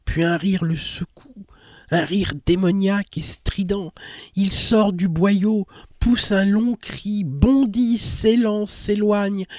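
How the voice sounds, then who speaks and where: A man giving scripted documentary narration in a solemn, measured reading. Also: high-pitched, steady tone, a little mellow, no room sound, studio quality.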